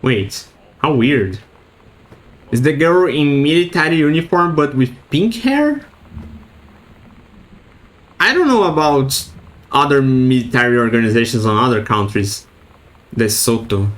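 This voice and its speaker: A man's voice: medium pitch, lively intonation, measured pace, pauses often, rough recording. A man streaming a video game, chatting casually and reading in-game notes aloud, stumbling over words. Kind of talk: casual let's-play commentary.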